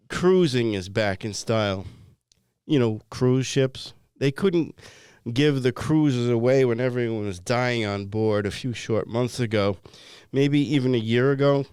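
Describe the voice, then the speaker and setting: A man's voice: medium pitch, darkish tone, clear, resonant tone, no echo, studio quality. A man with a New England accent co-hosting comedic banter, ranting with exasperation about everyday phrases. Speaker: co-host.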